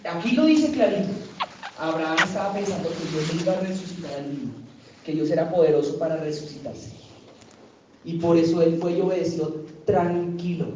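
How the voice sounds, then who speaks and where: A man's voice: fairly high pitch, a little mellow, a little hiss or hum. A man preaching a sermon in a church, talking with the congregation and asking them questions. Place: church hall. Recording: echoey, distant, dull church recording.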